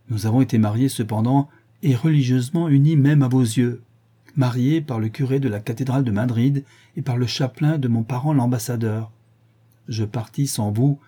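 A man's voice: medium pitch, dark tone, slightly rough, lightly acted. A man reading the part of a proud English major, pleading in an impassioned, declamatory way.

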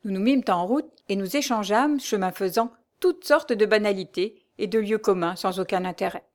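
A woman reads a classic novel aloud as its narrator. Her delivery is measured and even, paced for storytelling. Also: medium pitch. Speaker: audiobook reader.

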